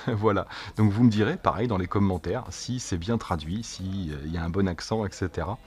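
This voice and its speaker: A man casually demonstrating a gadget as a tech reviewer, chatty and jokey, and speaking his test phrases slowly and clearly. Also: sits low. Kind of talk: casual product demo.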